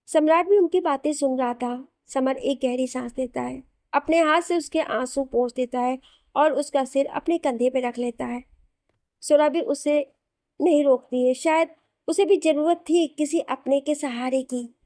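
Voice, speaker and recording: High-pitched woman reading a love story. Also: a little slow, darkish tone, no echo, clean studio sound. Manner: reads narration and gives each character's lines in her own voice. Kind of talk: reading a romantic novel aloud.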